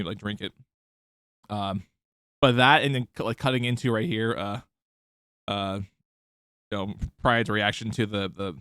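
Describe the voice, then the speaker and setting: A man streaming, giving casual commentary over a video clip, halting and full of fillers and restarts. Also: fairly low pitch, fairly bright tone, clean tone, no room sound, studio quality.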